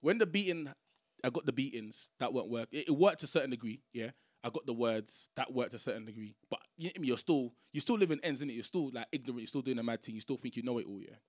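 Fast-talking young London roadman. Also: medium pitch, dry recording, clean studio sound. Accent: London roadman, Multicultural London English. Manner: slangy, animated, emphatic, swears. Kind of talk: casual group chat, storytelling.

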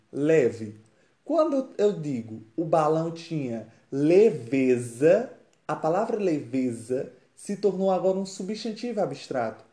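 Lively teacher in an echoey room. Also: medium pitch. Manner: explains with worked examples and rhetorical questions. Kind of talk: grammar lesson. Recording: roomy echo.

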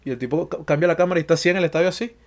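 A young man with a Venezuelan Spanish accent talks very fast in a casual podcast chat. His voice sits a little high for a man, and he is jokey and animated, slipping into other people's voices when he tells a story. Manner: animated, jokey, acts out quotes. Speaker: podcast co-host.

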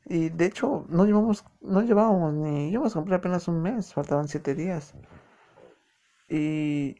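A man's voice: on the high side, normal speed, warm tone. A young man from Mexico City with a chilango accent, casually telling a personal story in a chatty, joking way full of slang fillers. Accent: Mexico City Spanish. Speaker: podcast host.

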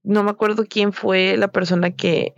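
A woman's voice: medium pitch, little pitch movement, moderate pace, no echo, muffled recording. A young woman with a Mexican Spanish accent, telling a personal story in a candid, slangy way with many fillers. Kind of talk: casual storytelling chat.

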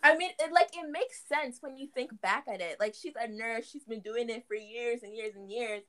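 A woman's voice: fairly high pitch, normal speed, sharp tone. A young adult woman in a casual, playful chat about a movie. She laughs often.

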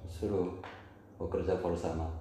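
Male Korean teacher, low voice, Korean accent, simple hesitant Indonesian as a foreigner, heavy room echo. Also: flat delivery, a little slow, warm tone. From South Korea, village near Gwangju. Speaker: Korean language teacher, interview guest. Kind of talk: casual interview answers. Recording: very echoey room, faint noise.

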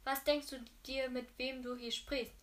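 A woman's voice: sits high, level tone, measured pace, fairly bright tone. A woman voicing a haughty mistress of the house who scolds her servants indignantly. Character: haughty, shrill lady of the house.

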